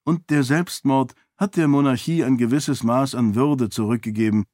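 A man voicing a sharp-witted young royal woman in an audiobook, lifting his voice and talking with quick self-assurance. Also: mid-range voice, no echo, clean studio sound, voice pushed up, lightly acted. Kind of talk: audiobook character voice.

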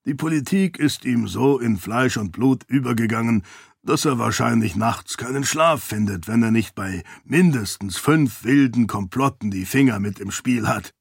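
A man voicing a stout, shrewd older uncle in an audiobook, with a deep, raspy voice and a wry way of explaining. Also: normal speed, no room sound, studio quality.

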